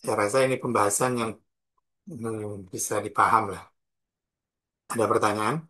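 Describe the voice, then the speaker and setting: A man with an Indonesian accent teaching Arabic grammar in a classroom, slow and deliberate, spelling out each form and example. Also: lowish voice, fairly even intonation, pushed and bright. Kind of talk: classroom lesson explaining grammar.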